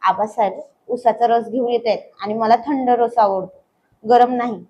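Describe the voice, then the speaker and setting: A woman's voice: fairly high pitch, fairly even intonation, moderate pace, lo-fi sound, a little hiss or hum, lightly acted. A woman voicing a mischievous young wife in a spoken story, coaxing and teasing her husband.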